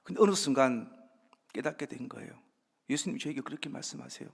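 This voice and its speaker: A man preaching a sermon as guest pastor, conversational and acting out little dialogues, with soft asides between louder lines. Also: mid-range voice, fast, creaky, slightly rough. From Andong, South Korea. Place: church sanctuary. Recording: reverberant church hall.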